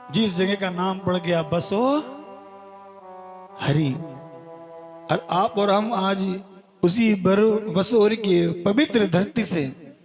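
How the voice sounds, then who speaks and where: A man telling a devotional story in an emotional, sing-song sermon at a live village gathering, over instrumental music. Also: high voice. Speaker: religious storyteller.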